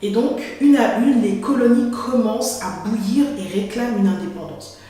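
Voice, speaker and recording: A woman's voice: a little high, moderate pace, warm tone. Woman explaining history in an echoey room. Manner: clear storytelling, addresses the viewer directly. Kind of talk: educational narration to camera. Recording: echoey room with faint music.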